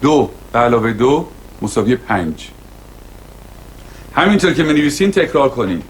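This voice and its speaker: A man's voice: medium pitch, sing-song, slight background noise, close to an everyday voice, low-quality recording. A man playing a tyrannical barking schoolteacher. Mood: domineering. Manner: barking orders, shouting drills. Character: stern authoritarian male schoolteacher bullying his class. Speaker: schoolteacher in a film.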